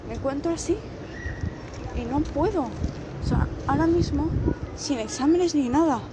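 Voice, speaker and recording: Woman from Spain, high voice, near tears, halting confessional monologue, noisy background. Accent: Spain Spanish. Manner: halting, repeats and restarts her phrases. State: close to tears. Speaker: vlogger. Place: outdoors, people passing by.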